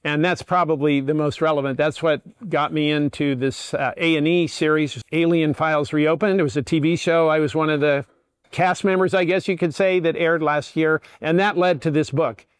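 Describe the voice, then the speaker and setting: A man's voice: on the high side, steady tone, normal speed, smooth, no room sound. An older man giving a public lecture, explaining in a plain and methodical way. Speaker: guest lecturer.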